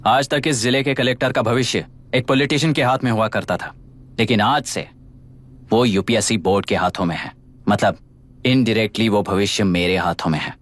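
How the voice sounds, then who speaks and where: A man's voice: on the low side, normal speed, lightly acted. An actor dubbing a stern, commanding new district collector who lectures his officers with cold authority. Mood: lecturing. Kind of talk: dubbed film drama. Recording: film soundtrack with loud score.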